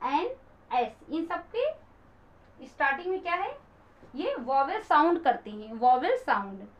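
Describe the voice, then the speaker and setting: A woman teacher patiently explaining grammar to viewers, calling them friends and switching into English example sentences. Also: high-pitched. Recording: dull lo-fi recording.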